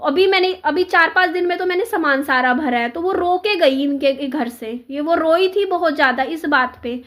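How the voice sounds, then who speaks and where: A woman's voice: high-pitched, normal speed, a bit bright. A woman vlogger telling a neighborhood story in a casual, chatty way, repeating herself and acting out the quoted dialogue.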